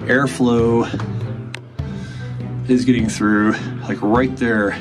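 A laid-back man with a twang chats his way through an outdoor adventure vlog, his voice sitting in an ordinary middle pitch. He talks loosely with plenty of ums and uhs as he hikes and pokes into mine tunnels. Music plays clearly underneath him. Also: level tone, very slow. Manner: laid-back, chatty, many fillers. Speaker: vlogger exploring mines. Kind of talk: casual vlog narration.

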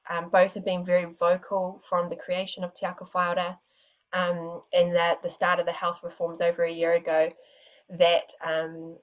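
A woman speaking as a panellist on a public policy panel, answering in a measured, methodical way. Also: lowish voice, highs cut off.

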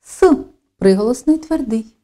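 A woman teacher giving slow, careful instructional narration for a lesson, dictating each step deliberately. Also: fairly high pitch, animated, dark tone.

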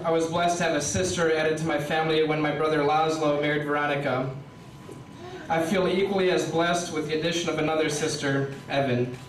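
A young man reading a rhyming best-man toast aloud from paper at a wedding reception, pausing for laughs. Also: a little high, a little hiss or hum. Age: young adult. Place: wedding reception hall, indoors. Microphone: stand mic, filmed by a far camera. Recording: roomy hall audio from a distant camera. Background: guests laughing.

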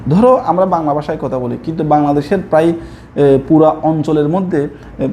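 Young guy from chittagong, chittagonian bengali accent, exam prep class, repeats answers, soft mellow voice, bit of background noise. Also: fairly high pitch, brisk. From Chittagong, Bangladesh. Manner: repeats key answers, addresses students directly. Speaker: coaching teacher. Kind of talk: slide-based exam prep lesson.

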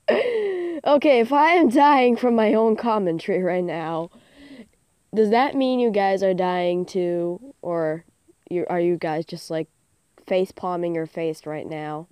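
Teen girl gamer, hyper and giggly, rambling with "like"; slow-paced, clean dry phone-mic sound. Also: lowish voice, dark tone, clear, resonant tone, dry recording. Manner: rambling, filler-heavy chatter with lots of "like". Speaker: gaming channel host. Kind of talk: casual let's-play commentary. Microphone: phone screen recording mic.

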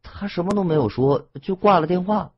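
一名男性朗读者在有声小说中扮演一个腼腆又热心的年轻姑娘，录音音质发闷。. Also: male voice, sits high, a little fast, husky, dull audio, pitched above the performer's own voice. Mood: eager.

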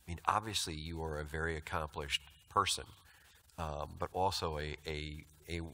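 Deep, bright-toned male moderator. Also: fairly even intonation, moderate pace. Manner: hesitant, stumbling restarts. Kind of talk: reading audience questions onstage. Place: large conference hall stage.

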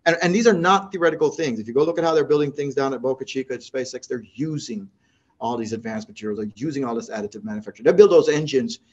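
Man giving a rambling, animated talk. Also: mid-range voice, fast, husky, highs cut off. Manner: animated, rambling with many restarts and fillers. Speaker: NASA associate director giving a talk. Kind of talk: conference talk.

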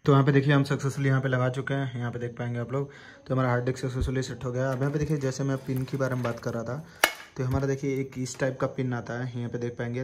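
A man casually walking viewers through installing a hard drive, talking in a steady, repetitive instructional way. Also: medium pitch. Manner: flat, repetitive instructional talk with fillers. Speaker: tech tutorial host. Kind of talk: casual hands-on tutorial. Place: indoors at a desktop PC. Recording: noisy home recording.

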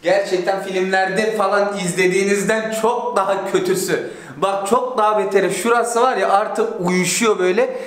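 Exasperated young man in an echoey room. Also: high voice. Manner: exasperated, swearing, comic complaining. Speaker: YouTuber. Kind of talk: casual vlog chat.

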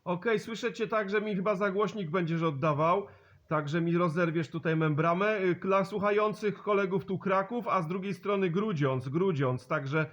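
A man with a high, slightly bright voice and a moderate pace works as an amateur CB radio operator and channel host, calling other stations in chatty, joking, courteous radio talk full of jargon. The recording is dull and lo-fi, typical of CB radio.

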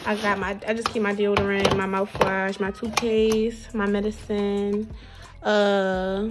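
A woman's voice: medium pitch, level tone, measured pace. Young college girl showing off her dorm stuff, chatty, faint music in the back. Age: young adult. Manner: chatty, listing items, addresses viewers as y'all. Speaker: college freshman vlogger. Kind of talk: casual dorm tour vlog. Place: small dorm room indoors.

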